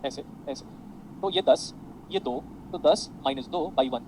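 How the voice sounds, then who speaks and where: A man's voice: medium pitch, takes it slowly, noisy background. A man teaching a physics class online, chatty and digressive, mixing Hindi with English and calling his students beta.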